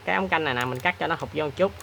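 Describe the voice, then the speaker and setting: A man hosts a hands-on repair demonstration, talking in a chatty, plain-spoken way with many filler pauses. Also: a little high, creaky, pushed and bright, slight background noise. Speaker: repair tutorial host.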